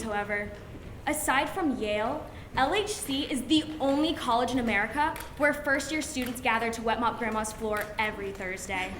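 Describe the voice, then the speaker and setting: High-pitched woman with prim, precise elocution, echoey. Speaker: student declaimer. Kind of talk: scripted comic monologue recitation to an audience. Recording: noisy, echoey room recording.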